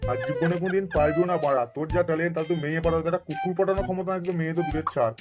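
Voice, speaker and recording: A man's voice: a little high, fairly even intonation, rapid-fire, lightly acted. A man voicing a crude, hot-tempered father who swaggers and spits foul-mouthed threats, in an amateur cartoon dub. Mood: angry. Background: music.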